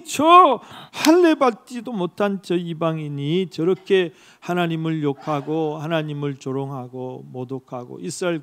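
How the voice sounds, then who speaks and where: A preacher voicing an indignant young David. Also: male voice, sits high. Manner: outraged shouting challenge.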